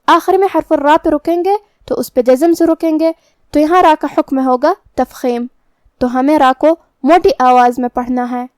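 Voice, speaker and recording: High-voiced woman teaching tajweed. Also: fairly even intonation, dry recording, studio quality. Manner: methodical, step-by-step explanation of letter sounds. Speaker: Quran recitation teacher. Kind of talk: tajweed lesson, explaining then reciting slowly.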